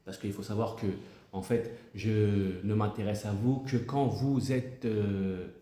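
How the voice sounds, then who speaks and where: A man's voice: fairly low pitch, steady tone, takes it slowly, dark tone, reverberant. A man playing a stern, pompous president in a comic sketch, insinuating and mock-diplomatic as he scolds and threatens. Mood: menacing.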